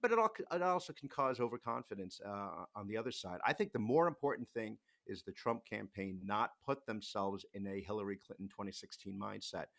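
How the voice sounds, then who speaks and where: A young man guest on a radio show, with a rough morning voice, talking candidly and thinking aloud about the race. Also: fairly low pitch, expressive, brisk, hardly any pauses, fairly bright tone. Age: young adult. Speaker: guest, podcast co-host and editor. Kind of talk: casual political chat.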